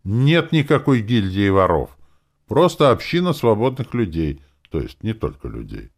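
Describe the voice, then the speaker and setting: A stern middle-aged father, gruff and blunt, who raises his voice when exasperated, as a male reader puts him on. He is pitched above the reader's usual low tone. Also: sing-song, normal speed. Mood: irritated.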